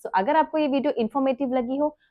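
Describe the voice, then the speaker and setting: A woman's voice: high-pitched, fast talker, no room sound, highs cut off. A young woman, a mother, giving earnest parenting advice in a casual talk, mixing English phrases in and checking in with "right?". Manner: earnest, mixes English phrases into Hindi, many rhetorical "right?". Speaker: parenting vlogger.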